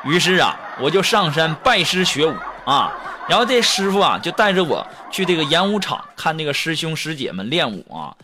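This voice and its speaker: A man hosting a comedy show, telling jokes in a chatty, playful way with drawn-out endings. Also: fairly high pitch, big pitch swings, background noise. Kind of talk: comic storytelling and joke reading. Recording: background music under voice.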